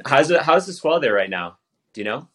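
A man hosting a podcast, talking in a relaxed, conversational way with plenty of affirmations. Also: mid-range voice, brisk. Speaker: podcast host. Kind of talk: podcast interview.

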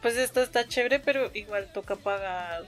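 A woman's voice: mid-range voice, moderate pace, faint music behind. A woman with a Colombian accent chatting casually as a podcast host, with a cute, playful, giggly anime-fan manner. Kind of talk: casual chat.

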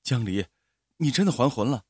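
A man's voice: medium pitch, expressive, normal speed, husky, dry recording, clean studio sound. A man voicing a devoted young village man who speaks earnestly and soothingly in a storybook tale.

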